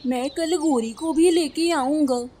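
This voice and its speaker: A woman's voice: high voice, unhurried, warm tone, voice pushed up. A woman doing a good-natured cartoon crow husband. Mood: friendly. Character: friendly, easygoing male crow husband.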